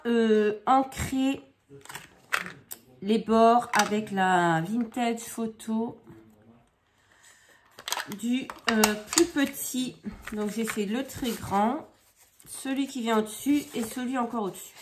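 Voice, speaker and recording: A woman with a slightly raised pitch talks through her scrapbooking work in an easy, casual way. She improvises as she goes and fills her pauses with hesitations. A faint background noise sits under her voice. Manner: chatty and improvising, with frequent hesitations. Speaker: crafter demonstrating scrapbooking. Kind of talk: casual craft tutorial chat. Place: home craft table.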